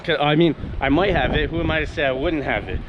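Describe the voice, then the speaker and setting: Walking outdoors along a coastal town street, a young Canadian man vlogs casually to the camera, talking fast in a fairly high voice. He rambles eagerly with lots of fillers and false starts, and the audio is dull with a noisy background.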